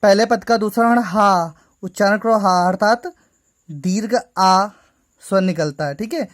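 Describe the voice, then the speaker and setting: A woman's voice: mid-range voice, measured pace. Patient woman teaching a grammar lesson. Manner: patient, repeats each step with "ठीक है".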